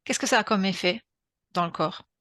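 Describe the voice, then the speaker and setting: Calm french woman guiding questions. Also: mid-range voice, moderate pace, dry recording, studio quality. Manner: calm, prompting, short encouraging murmurs. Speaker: session guide.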